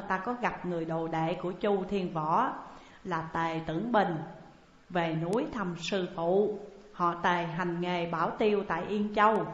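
A woman reading the lines of an elderly male Zen master in an audiobook, speaking in slow, measured counsel. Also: on the low side, echoey room, big-room sound, dull audio, lightly acted.

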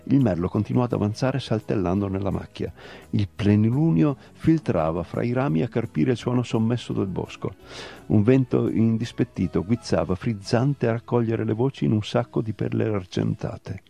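A man reading a fable aloud in a measured storytelling manner. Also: fairly low pitch, animated, vocal fry, mellow. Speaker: story reader. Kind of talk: scripted narration of a fable.

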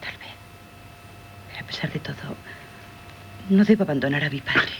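In a Castilian Spanish radio drama, an actress plays a dutiful young daughter who longs to escape. She whispers in a low voice at a moderate pace, sounding earnest, hesitant and troubled.

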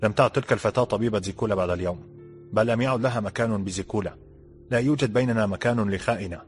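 A man's voice: lowish voice, racing, soft background music, close to an everyday voice. A man voicing a stern commanding ruler. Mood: indignant. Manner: formal, authoritative.

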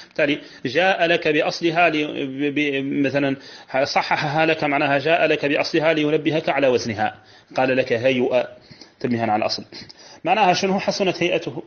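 Brisk sheikh teaching grammar. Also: male voice, medium pitch. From Mauritania. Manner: explains step by step, repeating key phrases, with colloquial asides. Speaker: teacher of Arabic morphology. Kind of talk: classical grammar lesson explaining a verse text. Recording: dull lo-fi lesson recording.

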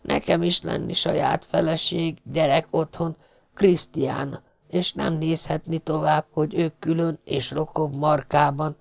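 A man's voice: on the high side, flat delivery, creaky, no echo, voice pushed up. A man voicing a dying, wounded male ship's cook who whispers faintly in broken grammar. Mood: pleading.

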